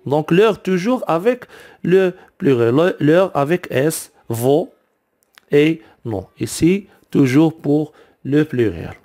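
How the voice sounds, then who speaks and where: A man teaching a French grammar lesson, explaining slowly and repeating each form many times, with frequent fillers like "donc" and "alors". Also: fairly high pitch, expressive, dark tone.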